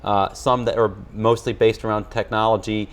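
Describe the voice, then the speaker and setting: A man's voice: fairly low pitch, little pitch movement, normal speed, clear, resonant tone. A man who leads a school district, answering in an earnest studio interview with many fillers and restarts.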